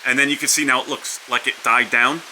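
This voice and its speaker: A man's voice: mid-range voice, steady tone, a little fast, pushed and bright, rough recording. A man narrating a casual vlog outdoors from under a house porch during a storm. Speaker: vlogger. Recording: wind, rain and hiss behind voice.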